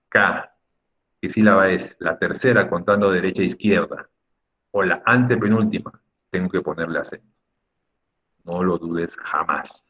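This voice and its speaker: The recording is lo-fi, and a man with a low voice is giving a Spanish class on accent rules. He stresses his points forcefully, repeats the important words, and keeps checking in with brief tag questions.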